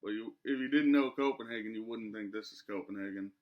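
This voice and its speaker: A man in his twenties chats casually through a product review in a small living room, his speech slightly muffled by a lip full of dip. His voice is on the low side and fast.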